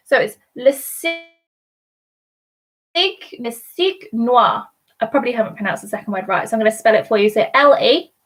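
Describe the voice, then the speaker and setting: A woman's voice: fairly high pitch, fairly bright tone. Chatty woman hosting a quiz. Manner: chatty, self-deprecating, spells words slowly letter by letter. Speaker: quiz host. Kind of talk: live-streamed online quiz. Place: at home alone.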